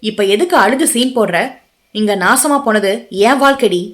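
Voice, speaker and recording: A woman's voice: on the high side, expressive, normal speed, lightly acted. A woman voicing a bitter, betrayed young husband who scolds harshly in an audio novel. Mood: furious.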